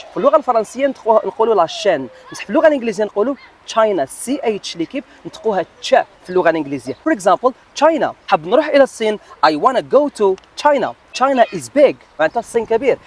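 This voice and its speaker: A man teaching English pronunciation in a casual video lesson, slowing down to spell out each example word. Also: high voice, very animated, husky. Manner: switches between dialect and slow, over-articulated English examples.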